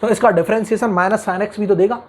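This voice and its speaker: A male tutor with a husky, somewhat breathy voice that sits fairly high for a man. He talks briskly through a calculus lecture, tossing questions at the class and answering them himself. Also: fairly even intonation. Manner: acts out imagined student objections in the class's voice. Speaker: engineering mathematics tutor. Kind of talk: online math lecture.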